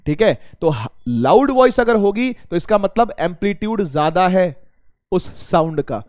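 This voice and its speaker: High-voiced male teacher, dry sound. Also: lively intonation, moderate pace, darkish tone, no echo. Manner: addresses students as beta, asks and answers his own questions. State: slightly strained throat. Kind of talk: casual spoken physics lesson.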